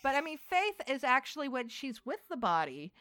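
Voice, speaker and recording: A woman's voice: high-pitched, big pitch swings, moderate pace, bright, forceful tone, no echo. A woman co-hosting a casual podcast chat about a TV episode, chatty and laughing often. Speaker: podcast co-host.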